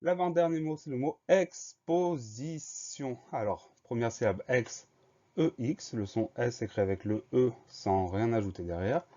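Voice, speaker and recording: Patient man spelling words out slowly. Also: on the low side, warm tone. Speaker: teacher. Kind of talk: spelling lesson, dictation. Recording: dull lo-fi sound.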